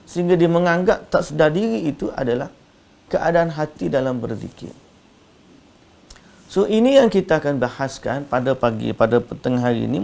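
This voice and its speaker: Gravelly-voiced Malaysian male religious teacher. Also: medium pitch, darkish tone. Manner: explanatory, with rhetorical questions to the audience. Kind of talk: religious lecture.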